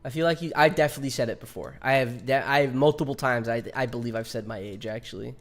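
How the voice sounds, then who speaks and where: A man's voice: mid-range voice, fast, faint music behind. A man in his twenties streaming a game, chatting casually and joking with viewers, swearing often. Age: 20s. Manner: laid-back, joking with chat, swears often. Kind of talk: casual live-stream chat.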